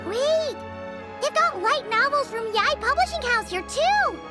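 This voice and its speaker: A woman voicing a tiny floating female fairy companion who chatters brightly about herself in the third person. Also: very high voice, animated, measured pace, soft background music, exaggerated voice. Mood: chirpy.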